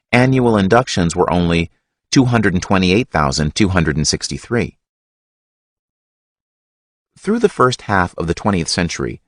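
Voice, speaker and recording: A man reading a history audiobook in a measured, expressive narration. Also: sits low, no room sound, studio quality.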